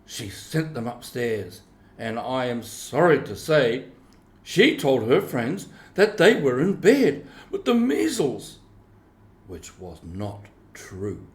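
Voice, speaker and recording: A man's voice: medium pitch, very animated, slow pace. A man reading a children's story aloud as scripted narration, in a dramatic storytelling manner. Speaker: storybook reader. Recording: echoey room.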